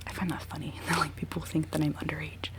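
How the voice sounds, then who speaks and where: She speaks at a quick pace with a level tone. A twenty-something ASMR creator with a fairly low voice, she whispers a rambling, giggly chat during her makeup routine.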